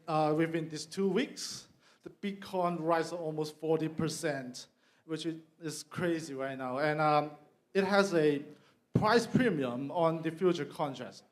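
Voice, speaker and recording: Middle-aged man speaking slightly high. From Hong Kong. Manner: casual, halting delivery with frequent fillers and restarts. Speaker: company CEO giving a talk. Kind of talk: presentation at an event.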